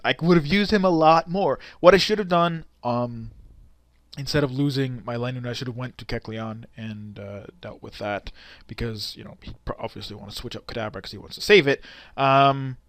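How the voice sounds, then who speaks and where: A man's voice: medium pitch, normal speed, fairly bright tone, dry recording. A young man giving casual, rambling commentary on a game replay, frustrated and swearing often, into a close desk mic. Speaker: gaming commentator.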